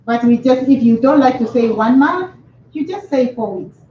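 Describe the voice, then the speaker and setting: A woman teaching a Swahili beginner class, patiently modelling words and repeating them slowly. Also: sits high, lively intonation, mellow. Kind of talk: language lesson, modelling words. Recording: roomy, distant, dull sound with faint hiss.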